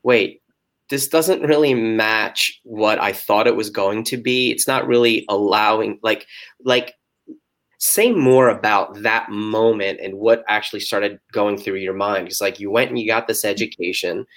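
An interviewer asking open follow-up questions in a casual conversation, with frequent soft affirmations. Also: medium pitch, a little slow. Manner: encouraging, many soft affirmations.

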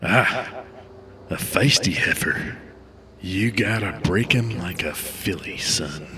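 A leering old male ghost drawls out folksy taunts in a low, unhurried voice, as a man acts him out. The tone stays bright and cutting. A faint hum of noise sits under the recording. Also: animated. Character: crude old male ghost haunting an airport.

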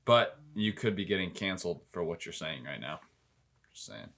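A man's voice: sits low, expressive, moderate pace, fairly bright tone. A young man co-hosting a podcast in casual chat, laid-back and joking. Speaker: podcast co-host.

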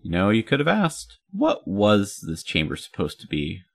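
A man's voice: lowish voice, wildly swooping pitch, moderate pace, vocal fry, voice pushed up, full character voice. A man reading the lines of a sly female demon who shifts shapes, in a guarded, curt manner.

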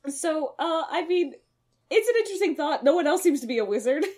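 A woman's voice: sits high, lively intonation, a little fast, darkish tone. A woman with a Midwestern American accent co-hosting a podcast in casual chat, playful, laughing often and correcting details. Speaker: podcast co-host.

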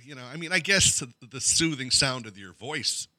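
Lively, bright-voiced man in casual podcast chat. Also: medium pitch, moderate pace, no room sound. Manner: hesitant, restarts often. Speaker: co-host.

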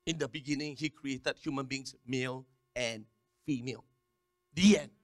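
A man preaching a sermon, repeating words in quick stammering runs and calling on the congregation to respond. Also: mid-range voice, no room sound. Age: 50s. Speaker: pastor.

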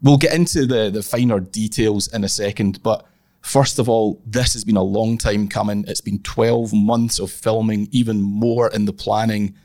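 A man's voice: lowish voice, steady tone, moderate pace, a little mellow, dry recording, clean studio sound. A Scottish man hosting a casual golf podcast, with a nasal voice from a blocked nose. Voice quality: nasal, congested. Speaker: podcast host.

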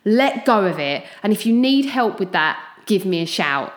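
A woman with an Essex accent speaks at a middling pitch in an echoey room. She hosts a motivational podcast on her own, chatting informally and giving listeners a direct pep talk. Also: sing-song, moderate pace. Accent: Essex English. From Essex, England. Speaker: podcast host.

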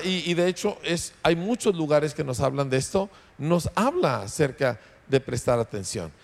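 A man's voice: fairly high pitch, a little mellow, big-room sound. A male pastor, preaching a sermon in a conversational way and often tagging rhetorical questions onto his points.

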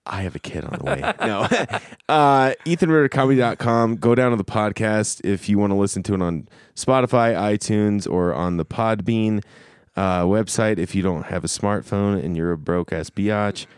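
Smooth, low-voiced man hosting casually. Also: moderate pace, dry recording, studio quality. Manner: joking, irreverent. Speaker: podcast host. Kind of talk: casual comedic chat.

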